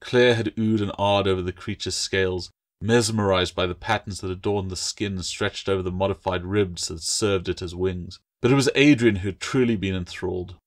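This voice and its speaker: Male author narrating, audiobook, lowish voice, steady, measured. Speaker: author reading his own book.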